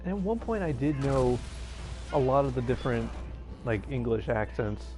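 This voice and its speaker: Here a man with a mid-range, lively voice talks at a normal speed while music plays in the background. It's casual live-stream chat as he plays a game, speaking hesitantly into his own plugged-in mic with plenty of fillers and false starts.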